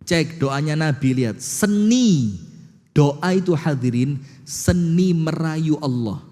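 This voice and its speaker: A man preaching a sermon to an audience in an animated style, throwing questions at his listeners. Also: a little high, takes it slowly, in a large hall.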